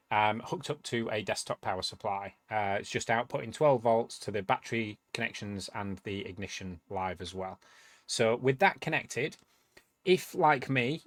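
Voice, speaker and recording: A medium-pitched male voice, recorded with no room sound, hosts a tech tutorial video. He casually guides viewers step by step, explaining and thinking aloud as he demonstrates.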